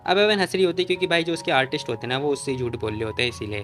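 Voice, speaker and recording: A man narrating a comic story recap in a rapid, chatty retelling. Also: medium pitch, expressive, fairly bright tone, faint music behind.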